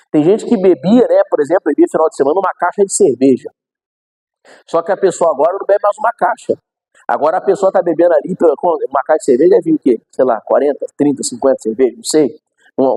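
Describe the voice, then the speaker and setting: Pastor man preaching, high-ish voice, kinda husky, talks to the crowd. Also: low-quality recording. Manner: animated, acts out quoted voices, asks the audience questions. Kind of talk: sermon teaching.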